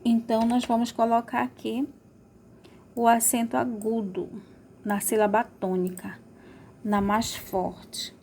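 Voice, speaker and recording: Woman teacher, slow and drawn-out, fairly high voice, faint hiss. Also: flat delivery, a little mellow. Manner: slow, stretches out words to model sounds; checks in with pupils often. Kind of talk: remote school lesson.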